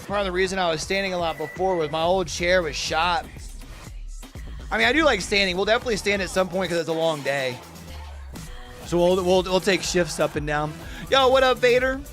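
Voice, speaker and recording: A man's voice: high-pitched, fairly quick, fairly bright tone, soft background music. A man hosting a watch party stream, chatting casually with his viewers and greeting them by name, heard through a livestream headset mic.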